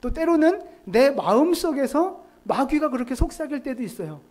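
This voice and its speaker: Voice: high-pitched, very animated, moderate pace, a little mellow. A pastor giving a sermon in a conversational way, often asking the congregation rhetorical questions. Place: church sanctuary.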